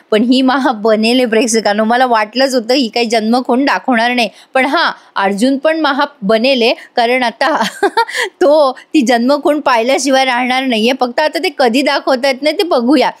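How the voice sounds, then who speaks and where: A woman's voice: fairly high pitch, moderate pace. Chatty woman recapping a soap episode. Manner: addresses viewers directly, acts out the characters' lines. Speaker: TV serial reviewer.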